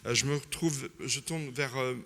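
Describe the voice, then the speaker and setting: A man moderates a panel discussion, introducing guests with frequent fillers. His tone is bright and forward, and his voice carries a long echo through the hall. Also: mid-range voice. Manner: hesitant, with fillers and quick agreements. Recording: echoey hall.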